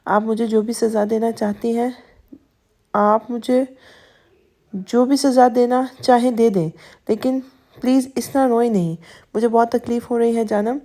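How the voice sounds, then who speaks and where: Woman reading a devoted husband in an audio novel, soft coaxing talk, mellow voice. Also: a little high, steady tone, pauses often, close to an everyday voice. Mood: pleading. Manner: soothing, coaxing, repeating pet names. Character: devoted young husband, tender and guilt-ridden.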